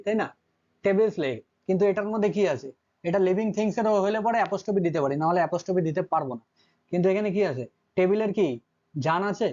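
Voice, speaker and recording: Man, grammar teacher, high voice, frequent check questions, muffled lo-fi sound. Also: a little mellow. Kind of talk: classroom grammar lesson.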